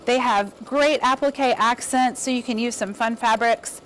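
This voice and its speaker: A woman's voice: on the high side, normal speed, fairly bright tone, slight background noise. A woman giving an upbeat, chatty embroidery demonstration, encouraging viewers as she works. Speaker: embroidery instructor. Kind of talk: casual demonstration.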